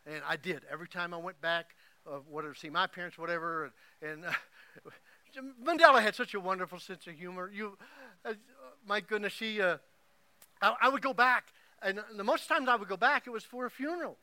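A middle-aged man from Oklahoma preaching a sermon, telling an emotional story that swings from hushed to loud. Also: sits high, a little fast. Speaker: pastor.

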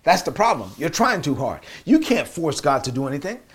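A man's voice: a little high, big pitch swings, fairly quick. A man with a Brooklyn New York accent preaching a motivational sermon, emphatically repeating key phrases and rhymes.

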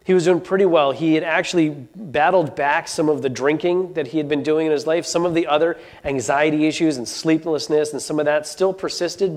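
A man with a somewhat high voice tells a story to an audience. He is earnest and often stumbles, restarting phrases and repeating words as he goes. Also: a little mellow. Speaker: speaker. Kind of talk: storytelling talk.

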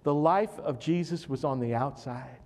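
A man's voice: mid-range voice, moderate pace, a little mellow. A man preaching a sermon to his congregation as pastor, earnest and fond of repeating phrases for emphasis. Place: church sanctuary. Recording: long hall reverb.

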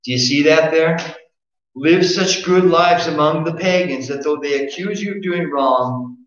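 A man preaching with an earnest, pressing delivery, his voice sitting a bit high for a man. The recording is muffled and dull, and the voice bounces around a very echoey room. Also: measured pace, fairly bright tone. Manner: earnest preaching with rhetorical questions. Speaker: pastor. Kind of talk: sermon.

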